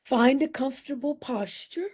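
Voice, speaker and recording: A woman guides a meditation as instructor, gentle and soothing, leaving long pauses. Her high, breathy voice sometimes nears a whisper.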